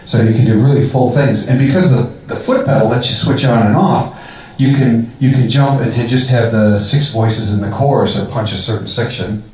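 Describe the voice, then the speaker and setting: A man casually demonstrating a vocal effects pedal, explaining in a relaxed way with fillers and restarts. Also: medium pitch, normal speed. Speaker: product demonstrator. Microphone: open vocal mic at a distance. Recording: roomy, distant mic, faint hum.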